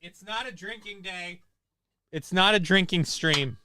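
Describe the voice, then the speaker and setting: Slight background noise accompanies a high-pitched, bright, forceful man speaking a little slowly into a desk mic during a casual home live stream. He reads viewer comments and makes crude jokes in an overblown war-speech manner.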